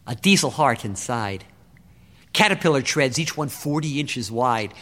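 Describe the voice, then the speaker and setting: Bright-voiced man reciting a rhyming story. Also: mid-range voice, measured pace. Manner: rhyming, driving delivery building to excitement. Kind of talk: rhythmic spoken-word story recitation. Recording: long reverb.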